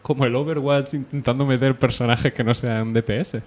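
A man's voice: medium pitch, steady tone, a little fast. A man from Spain co-hosting a comedy podcast, joking and laughing often as he plays with made-up words. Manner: joking, laughs often, playful word games. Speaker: podcast co-host. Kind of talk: casual comedic chat.

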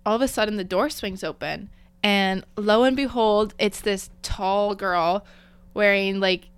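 A young woman with a smooth, clear voice, co-hosting a chatty podcast. She tells stories in an animated way and teases her friend as she goes. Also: medium pitch, unhurried, dry recording. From Canada. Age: young adult. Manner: teasing, animated storyteller. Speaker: podcast co-host. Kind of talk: casual chat.

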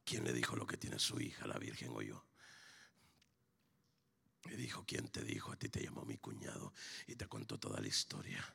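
A male pastor delivering a sermon as a dramatic story, acting out both sides of a conversation. His voice is heavily gravelly and raspy, with a bright, forceful tone. He climbs to loud shouts and drops to hushed whispers. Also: a bass voice, normal speed, pauses often.

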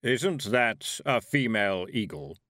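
A man doing Death, slow and grave. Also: sits low, expressive, fairly bright tone, no room sound, clean studio sound, heavily acted. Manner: slow, measured, formal. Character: Death, tall skeletal male reaper, calm and courteous.

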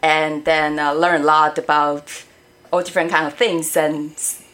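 A woman in her forties from Taiwan, not a native English speaker, chats as a guest in a casual interview; she directs robotics education. Her voice is low and a bit bright, her tone level, and her pace normal. She comes across friendly and hesitant, using many fillers.

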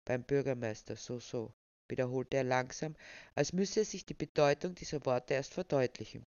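A woman voicing a calm, pedantic male railway official who lectures in a dry, unbothered way. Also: mid-range voice, normal speed, smooth, no room sound, dull audio, voice pushed down, natural voice.

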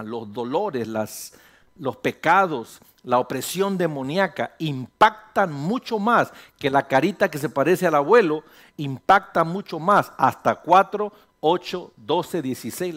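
A man preaching a sermon as pastor, animated, asking rhetorical questions and dropping English phrases into his talk. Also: a little high. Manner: animated, rhetorical questions, voices imagined listeners.

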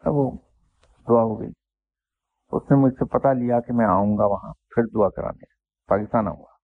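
A man, a spiritual teacher telling an anecdote and reflecting on faith in an unhurried, self-deprecating way. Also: medium pitch, dry recording. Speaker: spiritual teacher answering questions. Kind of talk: anecdotal storytelling and religious reflection. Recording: dry, tinny phone-like sound.

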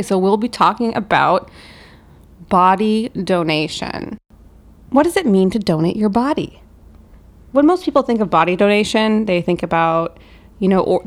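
A woman co-hosting a podcast, explaining things in an informal, conversational way. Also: medium pitch. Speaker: podcast co-host. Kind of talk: casual explanatory chat.

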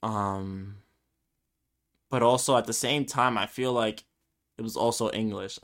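Hosting a solo podcast, a Brooklyn man in his twenties whose first language is Spanish rambles casually, circling back and restarting his thoughts with self-deprecating humor. His fairly low voice has a fairly bright tone and stays steady and unhurried.

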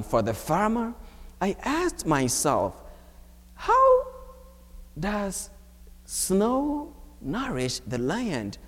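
A man preaches a homily slowly and deliberately, his pitch rising and falling a great deal. His fairly high voice rings out with the long reverb of a church. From Ghana. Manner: slow, measured preaching with wide swings of pitch. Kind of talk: homily at Mass.

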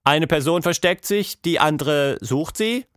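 A man's voice: a little high, animated, measured pace, fairly bright tone, dry recording, clean studio sound, voice pushed up. A man voicing a patient, sensible young girl in a storybook, explaining the rules of a game. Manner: explaining rules, firm but friendly. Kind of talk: storybook audiobook voice.

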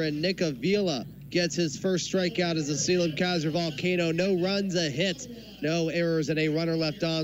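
A man doing live baseball commentary in measured, short phrases with pauses, as the play-by-play announcer. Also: a little high. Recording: clear background noise from a ballpark. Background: ballpark ambience.

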